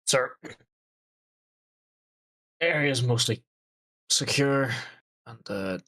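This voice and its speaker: A man's voice: medium pitch, drawn-out words, pushed and bright. A man at a tabletop game session, speaking in an ordinary middle register. He slides between casual table chat and in-character lines. His talk stays conversational throughout. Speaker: player.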